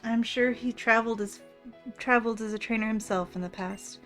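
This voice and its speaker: A woman voicing a self-important lady gym leader and model from a video game, calmly lecturing in a composed way. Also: on the high side, brisk, soft background music, natural voice. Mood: composed, instructive. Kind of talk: reading video game dialogue aloud.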